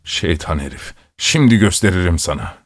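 A man doing a gruff cursing soldier. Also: sits low, lively intonation, normal speed, no echo, clean studio sound. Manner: growling, scolding, cursing. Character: gruff hungry soldier, rough, quick to curse.

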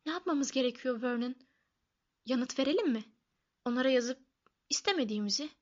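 A woman voicing a shrill, nervous middle-aged aunt with a trembling voice. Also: animated, brisk, a little mellow, muffled recording. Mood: panicked.

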